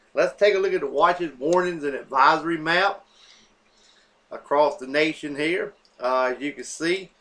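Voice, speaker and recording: A man's voice: mid-range voice, a bit bright. Man walking through weather maps. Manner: halting, many fillers and self-corrections, lists places in a run. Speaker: weather forecaster. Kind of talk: unscripted weather map walkthrough.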